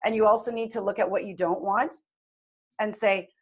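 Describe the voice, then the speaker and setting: A woman's voice: medium pitch, fairly even intonation, normal speed, breathy edge. A woman in her late forties, a coach, talking earnestly and reflectively in a casual interview. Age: 40s. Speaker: guest coach.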